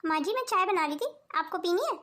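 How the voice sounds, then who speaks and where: A woman's voice: extremely high pitch, animated, fast talker, pushed and bright, exaggerated voice. A woman voicing a sweet, hardworking elder daughter-in-law in a cartoon, speaking politely and soothingly. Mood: gentle. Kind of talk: cartoon voice acting.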